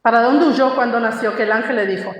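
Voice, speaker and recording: This preacher talks fast, her voice a little high. She teaches with emphasis and quizzes the congregation along the way, and the hall's echo is clearly audible.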